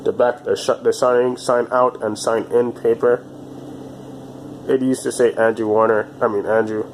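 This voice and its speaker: A man in his twenties talking alone to his channel in a halting, repetitive way, often restarting his phrases. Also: medium pitch, little pitch movement, a little hiss or hum, low-quality recording. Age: 20s. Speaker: vlogger. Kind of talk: casual monologue to camera.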